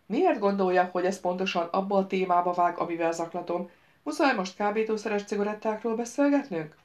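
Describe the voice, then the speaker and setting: A woman's voice: mid-range voice, lightly acted. A woman reading the part of a sardonic male mercenary captain, with a sarcastic, impatient manner, in an audiobook.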